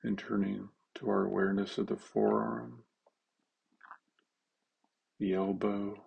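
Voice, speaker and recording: A man leading a slow guided meditation, halting, with long pauses and simple phrasing. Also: lowish voice, little pitch movement, gravelly, slightly rough, highs cut off.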